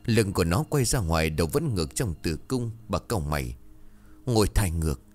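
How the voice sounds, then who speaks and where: A man narrating a horror story in a dramatic, lively storytelling manner. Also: deep voice, fairly quick, faint music behind.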